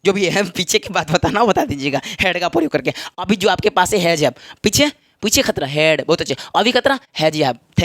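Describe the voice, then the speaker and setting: A man's voice: sits high, fairly bright tone, dry recording, studio quality. A man with a Bihari Hindi accent teaching a spoken English class, chatty and joking, repeating examples and checking whether the class follows. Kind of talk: classroom lesson at a whiteboard.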